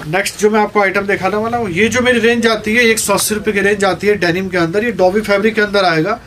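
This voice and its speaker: A male jeans shop owner pitches his stock, reeling off prices and sizes at a rapid clip. His voice sits high, and faint shop noise runs underneath. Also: fairly even intonation, a bit bright. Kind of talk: sales pitch showing products. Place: garment shop.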